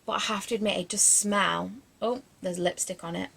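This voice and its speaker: A young woman in her twenties talks through a beauty haul in a rambling, casual way. Her voice has a noticeable creaky fry, and she fills gaps with ums and self-deprecating jokes. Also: mid-range voice, steady tone, moderate pace, a bit bright. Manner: rambling and chatty, lots of fillers and restarts. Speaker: beauty vlogger. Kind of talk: casual product review chat.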